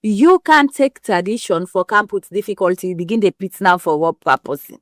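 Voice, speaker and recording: A woman's voice: mid-range voice, expressive, normal speed, no room sound, studio quality. A woman with a West African Pidgin English accent explains things frankly and emphatically in an interview, using everyday comparisons. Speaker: interview guest explaining women's health.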